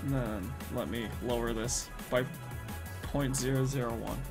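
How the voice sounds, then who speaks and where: A man's voice: medium pitch, steady tone, unhurried. A man streaming casually, rambling and thinking aloud as he works, laughing often. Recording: music playing behind.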